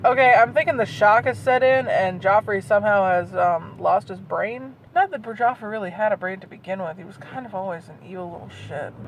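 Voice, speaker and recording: In poor-quality audio, a woman with a slightly high voice dramatically reads out bad fan fiction and ridicules it with casual, sweary disbelief between sections. She's riding in a moving car, and the road noise is clear.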